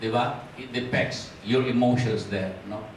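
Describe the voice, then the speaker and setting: A man with a Filipino accent preaching a sermon as pastor, switching freely into English, rising to stress points and dropping low and quiet to close them. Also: a little slow, a little hiss or hum. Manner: mixes in English, asks the congregation for amens. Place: church hall. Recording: echoey hall from far off.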